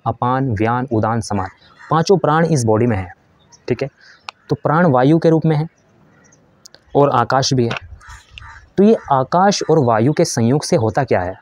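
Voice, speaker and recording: A man's voice: mid-range voice, a little mellow. A man giving a patient spiritual lesson. He explains step by step, asks questions and answers them himself, and shows how to chant. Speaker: spiritual teacher.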